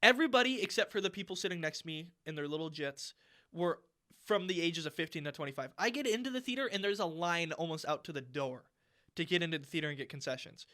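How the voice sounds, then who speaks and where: A man's voice: fairly high pitch, animated, fast, pushed and bright. A young man co-hosting a podcast, telling a story in a casual, profane and exasperated way. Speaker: podcast co-host. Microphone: podcast mic.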